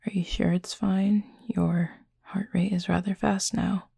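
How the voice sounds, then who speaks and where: In an intimate audio roleplay, a woman voices a gentle, formal, curious supernatural cupid roommate who's courteous and softly inquisitive. Her medium-pitched voice is husky and breathy, full of gravelly creak, mellow and exaggerated, with flat delivery and no echo. She sounds calm and apologetic, her phrasing polite, measured, formal and earnest.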